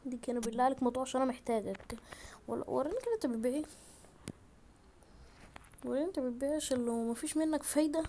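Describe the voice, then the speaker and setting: A woman with an Egyptian accent chats excitably through her gameplay, speaking quickly in a slightly high voice. She talks straight to her viewers from a room at home, with a faint hiss behind her. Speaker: gaming YouTuber. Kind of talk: gameplay commentary.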